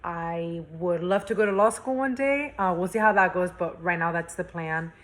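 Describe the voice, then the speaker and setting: A young adult woman from Spain, a university student, talks at normal speed in a lowish voice. She is a guest in a casual interview chat, using lots of fillers and restarts.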